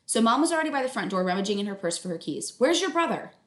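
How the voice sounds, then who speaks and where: In a room with an echo, a woman with a mid-range, lively voice reads a story aloud the way a teacher would. She stops to explain things, asks her young listeners questions to check they understand, and affirms their answers.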